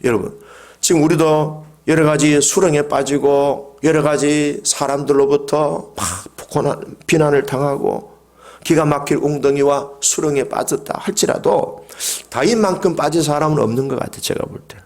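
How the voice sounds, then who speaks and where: A middle-aged male pastor preaching a Sunday sermon. He moves from calm talk to loud, impassioned cries and leads the congregation in call-and-response. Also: on the high side, normal speed.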